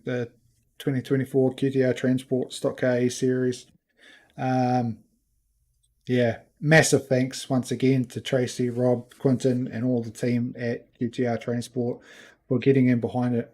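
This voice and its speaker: Flat-pitched Kiwi man, halting casual talk. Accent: New Zealand. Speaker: race series host. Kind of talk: casual unscripted thank-you talk.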